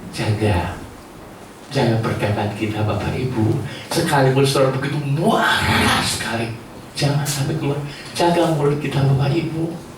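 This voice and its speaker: A male pastor preaching a sermon to his congregation in a lively, joking way. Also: sits high, a little hiss or hum. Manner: lively, joking, mimics quoted voices. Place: church. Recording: echoey church hall from far off.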